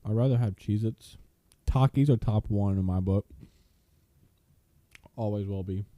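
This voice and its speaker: A man's voice: fairly low pitch, a little slow, warm tone, no echo. A young man co-hosting a casual podcast, laid-back and teasing as he jokes around. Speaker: co-host.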